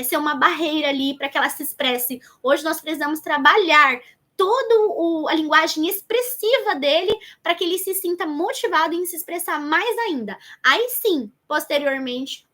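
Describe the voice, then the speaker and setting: Bright high-voiced Brazilian woman teaching. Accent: Brazilian Portuguese. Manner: conversational, addresses viewers directly, thinks aloud. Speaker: educator teaching child development planning. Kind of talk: explanatory online lesson.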